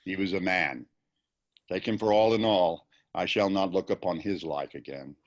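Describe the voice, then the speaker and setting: A man playing Hamlet, a grieving, brooding young prince, in a Shakespearean dramatic reading over a video call, with deliberate theatrical phrasing. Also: deep voice, lo-fi sound, natural voice. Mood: wistful. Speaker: amateur volunteer actor.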